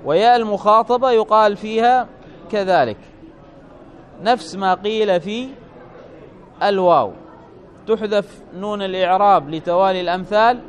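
A man teaching an Arabic grammar lesson to a class, asking questions and stretching out his examples. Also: sits high. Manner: questioning, drawn-out stresses on examples.

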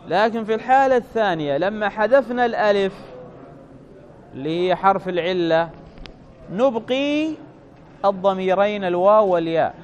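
A man's voice: high-pitched, lo-fi sound. A man teaching an Arabic grammar lesson to a class, asking questions and stretching out his examples. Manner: questioning, drawn-out stresses on examples.

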